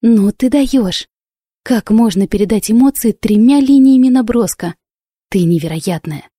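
A woman's voice: on the high side, a little slow, slightly rough, dry recording, clean studio sound, voice pushed up. A woman doing a bubbly, teasing girl artist. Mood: excited. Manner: excited, exclaiming, teasing. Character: lively young woman artist, bold and teasing. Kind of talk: audiobook reading.

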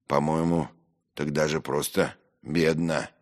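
A man's voice: rumbling low, fairly even intonation, slow pace. A man voicing a blunt, rude young man who speaks curtly. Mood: scolding. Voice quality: curt, rough.

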